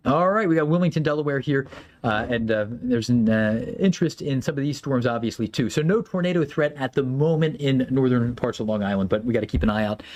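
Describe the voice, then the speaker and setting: A man, a meteorologist, giving live severe weather commentary in a conversational way with many fillers and lively swings in pitch. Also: fairly quick.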